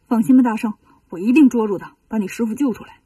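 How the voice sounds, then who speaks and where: A woman's voice: fairly high pitch, quick pace, warm tone, husky, dry recording. A woman voicing a stern, dutiful young dragon prince in a children's storybook reading, firm and lecturing.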